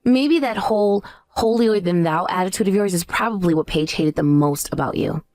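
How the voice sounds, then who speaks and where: A woman's voice: fairly low pitch, normal speed, darkish tone, no room sound, lightly acted. A woman playing a cool, scornful wife out for revenge in a dramatized story. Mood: taunting. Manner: taunting, cool. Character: scornful, vengeful pregnant ex-wife, coolly triumphant. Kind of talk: dramatized story dialogue and narration.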